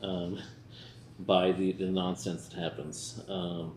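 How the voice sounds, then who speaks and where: A man with a lowish voice chats loosely as a tipsy movie reviewer. He rambles casually in an echoey room, with clear noise behind him. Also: flat delivery, slow pace. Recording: roomy echo with background noise.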